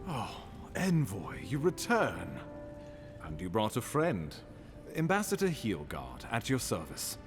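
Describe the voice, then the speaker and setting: A man's voice: fairly low pitch, huge pitch swings, slow, music in the background, exaggerated voice. A man playing a courtly, scheming ambassador in a fantasy video game, speaking formally and theatrically. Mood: eager, formal.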